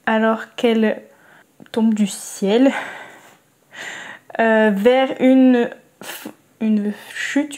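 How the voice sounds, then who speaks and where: A young woman talking casually about books and reading quotes aloud slowly, hesitating often with fillers. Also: a little high, darkish tone. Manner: hesitant, many fillers, reads slowly and carefully. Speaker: book vlogger.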